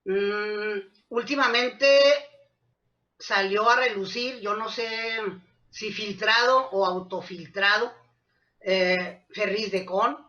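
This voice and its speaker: A woman's voice: medium pitch, slow pace, sharp tone, muffled recording. A woman, a panelist speaking hesitantly with many fillers. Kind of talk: panel discussion.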